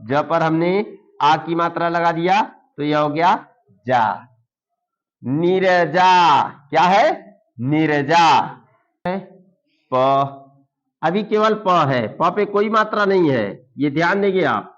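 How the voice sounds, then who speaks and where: A man teaching a beginners' reading lesson, drawing out each syllable and repeating words so learners can follow. His voice sits a little high, and he speaks very slowly and deliberately. The recording is dull and lo-fi. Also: a bit bright.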